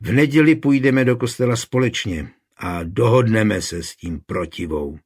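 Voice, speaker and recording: A man's voice: fairly low pitch, animated, slightly rough. Man reading blunt village husband. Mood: firm. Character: steady grown village man, blunt and warm-hearted.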